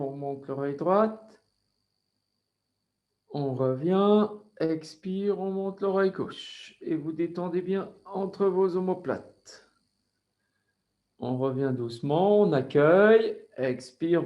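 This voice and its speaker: A man with a French accent guiding a yoga class over a video call, giving slow, calm breathing cues. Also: a little high, lo-fi sound. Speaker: yoga teacher.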